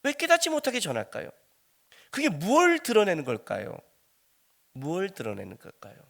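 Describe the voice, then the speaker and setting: A man's voice: a little high, vocal fry, a bit bright. A middle-aged man preaching a sermon as pastor, talking conversationally and firing rhetorical questions at the congregation.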